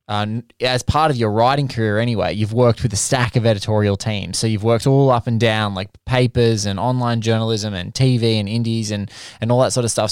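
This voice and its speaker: A man's voice: medium pitch, darkish tone, no echo, studio quality. A man hosting a podcast in a casual, effusive, rambling way with colloquial turns of phrase. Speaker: podcast host.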